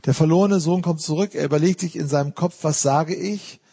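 Male pastor preaching a sermon, earnest and conversational, gravelly and husky. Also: fairly high pitch, a little fast, warm tone. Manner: earnest, with everyday asides.

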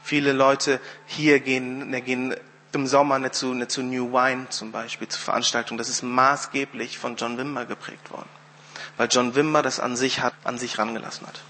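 German preacher in a reverberant hall. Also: male voice, medium pitch, flat delivery, normal speed, sharp tone. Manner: storytelling with many fillers and restarts. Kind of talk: sermon with closing prayer.

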